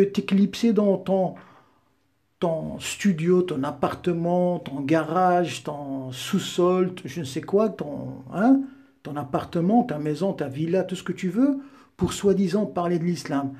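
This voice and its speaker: A man in his fifties hurls taunts and insults in a heated rant. His voice sits high, yet its colour stays dark and mellow. He mocks as much as he argues. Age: 50s. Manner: insulting, mocking, combative. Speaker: YouTuber answering a critic.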